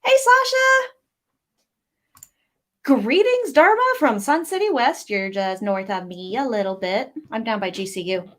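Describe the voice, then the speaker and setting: A woman's voice: fairly high pitch, animated, unhurried, fairly bright tone. Chatty lady reading out chat on her writing stream at home, lots of um and like, voice bounces around. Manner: chatty, rambling, lots of fillers. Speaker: livestream host. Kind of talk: casual chat reading viewer comments aloud.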